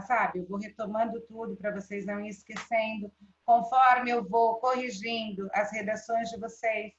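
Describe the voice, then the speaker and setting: A woman teacher with a Brazilian Portuguese accent giving a live online class, checking in with students often. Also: medium pitch. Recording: roomy, dull lo-fi sound.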